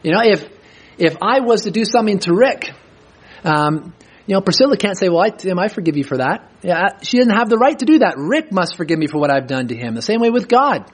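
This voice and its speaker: A man preaching a sermon, reading scripture aloud slowly and then explaining it in plain, conversational talk. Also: sits high, big pitch swings, slightly rough. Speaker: pastor.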